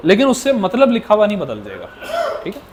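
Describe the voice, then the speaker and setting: A man's voice: high-pitched, huge pitch swings, fairly quick, background noise. A man teaching a language class as the lecturer. He repeats questions back to his students and drills the answers. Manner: addresses the class as children. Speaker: Arabic teacher.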